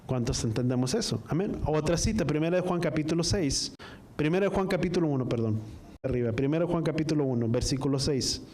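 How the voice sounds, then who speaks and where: A man preaching a sermon to a congregation, reading scripture slowly line by line and asking the listeners to repeat after him. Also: a little high, lively intonation, darkish tone, a little hiss or hum. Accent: Spanish-speaking, from the US-Mexico border. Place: church service, also streamed online.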